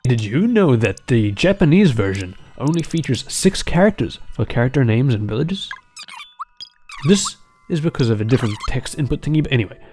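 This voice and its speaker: Over video game music, this commentator offers loose, playful gameplay commentary full of exclamations and meandering tangents. The pitch is medium but swings widely, the delivery fairly quick, and the tone on the darker side.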